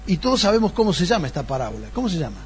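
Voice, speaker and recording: A man's voice: high voice, very animated, very fast, a little hiss or hum. A man preaching a sermon as pastor, explaining a text and putting rhetorical questions to his congregation.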